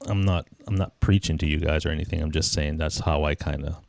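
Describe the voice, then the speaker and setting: A man's voice: very deep voice, fairly even intonation, fast, vocal fry, darkish tone, no echo. A man nearly fifty hosting a casual live stream, rambling and reflective with lots of restarts and "you know"s. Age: 40s. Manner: reflective and easygoing. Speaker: livestream host.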